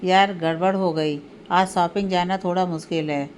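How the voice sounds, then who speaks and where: A woman voicing a young working woman, the bride-to-be heroine of a read-aloud family story, speaking softly and reassuringly. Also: fairly low pitch, steady tone, moderate pace, slight background noise, natural voice. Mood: casual.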